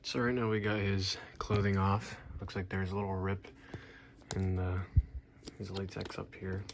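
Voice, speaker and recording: A man's voice: deep voice, level tone, moderate pace, very noisy. An American man talking casually and matter-of-factly through a hands-on repair, filming himself as he works. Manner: matter-of-fact, unscripted. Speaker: hobbyist repairing a Halloween animatronic.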